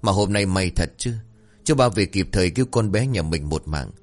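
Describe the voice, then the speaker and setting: Calm, level-headed village father in a told folk tale, low reassuring voice, read by a male narrator. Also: normal speed. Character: steady middle-aged village father, calm.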